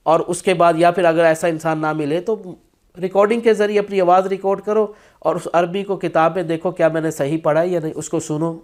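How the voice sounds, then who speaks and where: Man, high-pitched, firm instructional talk, spiritual teacher. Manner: slow chanted recitation, then firm explanatory speech. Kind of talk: instructional talk with Quranic recitation.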